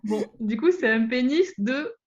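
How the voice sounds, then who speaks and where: A woman with a French accent, a guest giving a nature chronicle, relaxed and easygoing in casual chat. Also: sits high, unhurried, muffled recording, a crowd in the background. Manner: relaxed, easygoing, laughs softly.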